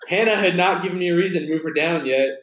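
A man's voice: sits high, fairly quick, fairly bright tone, reverberant, slight background noise, poor audio. A man, hosting a podcast and teasing his friends in casual banter. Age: 20s. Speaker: podcast host.

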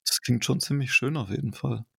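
A man from Germany hosting a podcast interview, relaxed and agreeable with frequent fillers. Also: mid-range voice, a little fast, vocal fry, husky. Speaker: podcast host. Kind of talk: casual interview talk.

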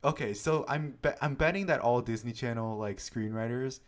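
A male podcast co-host in casual chat, ranting with exasperated sarcasm at a mid-range pitch. The delivery is loose and conversational. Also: moderate pace.

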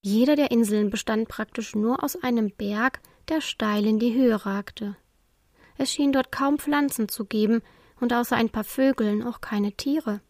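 Female storybook narrator, higher pitch, dry close sound, calm and expressive. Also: unhurried, no echo. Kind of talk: storybook reading for children.

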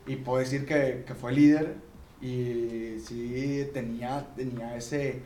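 A man's voice: medium pitch, fairly even intonation, slow pace, warm tone, slight background noise. Slangy Mexican man in an echoey room. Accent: Mexican Spanish. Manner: slangy, swears freely, frequent restarts. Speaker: podcast co-host. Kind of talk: casual chat.

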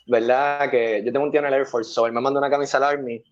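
A man's voice: medium pitch, steady tone, fast talker, lo-fi sound. A man, a weightlifting athlete telling stories in a casual interview, acting out the voices of the people he quotes and laughing often.

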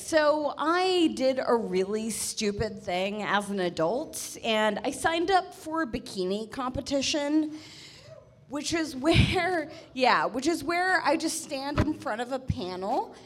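A young woman in her twenties with a nasal voice, doing a deadpan stand-up set on stage. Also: fairly high pitch. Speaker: stand-up comedian.

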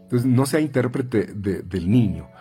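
A man's voice: lively intonation, unhurried, dark tone, soft background music. A man with a Mexican Spanish accent, a speech therapist giving parents conversational advice in numbered tips, with many fillers and restarts. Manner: conversational, frequent fillers and repeats; acts out quoted parents and children in higher voices.

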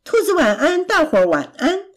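A woman's voice: sits high, big pitch swings, normal speed, pitched above the performer's own voice. A woman voicing a tiny, friendly bee that speaks lightly and politely.

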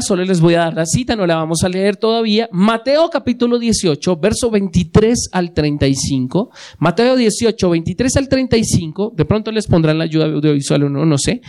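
A man's voice: high-pitched, darkish tone. A man preaching a sermon, asking the congregation questions and repeating key phrases for emphasis. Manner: asks the congregation questions and waits for replies. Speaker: pastor.

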